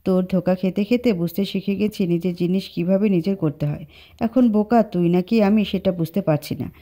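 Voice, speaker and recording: A woman's voice: mid-range voice, normal speed, warm tone, natural voice. Woman voicing a brooding, possessive young man.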